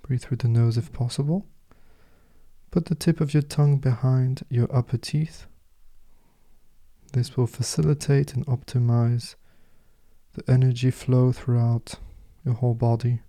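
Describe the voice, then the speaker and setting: A man guiding a meditation as host, speaking in a soft, slow, soothing way. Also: mid-range voice, fairly even intonation. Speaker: meditation podcast host and guide. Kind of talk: guided meditation narration.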